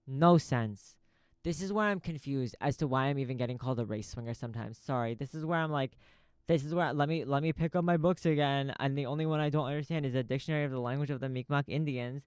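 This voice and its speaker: A man's voice: mid-range voice, fast talker, clear, resonant tone, no echo. A man hosting a podcast in a small recording studio, rambling through a profane, stream-of-consciousness info dump. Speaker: podcast host. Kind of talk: casual rambling monologue.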